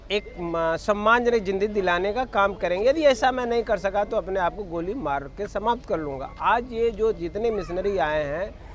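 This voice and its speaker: High-voiced man speaking formally outdoors. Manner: measured, with fillers and pauses. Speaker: interviewee, association general secretary. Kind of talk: formal speech to a reporter.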